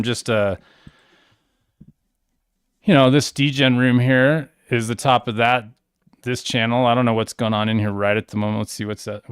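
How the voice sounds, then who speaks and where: Laid-back male streamer, middle pitch, talks through charts off the cuff, smooth voice. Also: dry recording, clean studio sound. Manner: rambling, self-correcting, laid-back. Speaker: crypto trading livestream host. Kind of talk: casual screen-share walkthrough.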